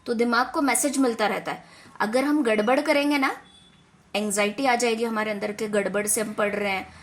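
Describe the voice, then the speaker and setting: A woman's voice: fairly high pitch, fairly even intonation, moderate pace. A woman teaching an online class for children, explaining patiently step by step and often checking in with her students. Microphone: video call.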